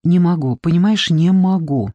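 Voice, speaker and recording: A reader voices a weary, downcast young mother in an audiobook, plaintive and hesitant. The pitch is middling. The sound is dry and close. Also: normal speed, mellow, dry recording, dull audio, natural voice. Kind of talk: audiobook reading.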